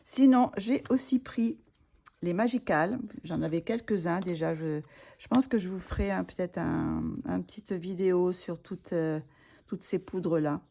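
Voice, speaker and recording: Casual vlogger woman, low mellow voice, hesitant delivery with lots of fillers. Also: measured pace, creaky. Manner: hesitant, many fillers and restarts. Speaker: art supplies vlogger. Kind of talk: casual haul video.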